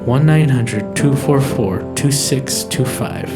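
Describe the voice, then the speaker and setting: A man voicing a smug, salesy announcer in a mock radio ad, with a deadpan pitchman delivery. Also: takes it slowly, close to an everyday voice. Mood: mock-serious. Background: loud guitar music.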